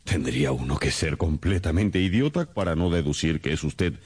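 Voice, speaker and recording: An actor playing Sherlock Holmes as a brilliant, condescending detective, theatrical and didactic, in a radio drama. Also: male voice, extremely low pitch, lively intonation, moderate pace, a little mellow, husky, full character voice. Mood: lecturing, self-assured.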